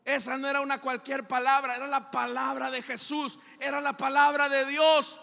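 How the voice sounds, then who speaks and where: Salvadoran pastor preaching in a church, really high voice, long echo off the hall. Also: male voice, level tone, normal speed, creaky, sharp tone. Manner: dramatic preaching with rhetorical questions and vivid acted-out scenes. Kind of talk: sermon.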